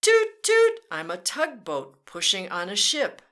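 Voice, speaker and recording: With wildly swooping pitch and a measured pace, a woman reads a picture book aloud to children, sing-song and speaking right to them. Her mid-range voice is a bit bright, and she adds playful vehicle sounds along the way.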